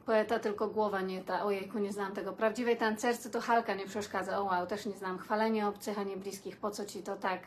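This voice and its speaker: A woman's voice: mid-range voice, fairly even intonation, brisk, few pauses, slight background noise. A woman hosting a casual live stream, chatting with viewers and reacting to the comments they send in. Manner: chatty, addresses viewers warmly as "kochani", reacts with laughter and sighs.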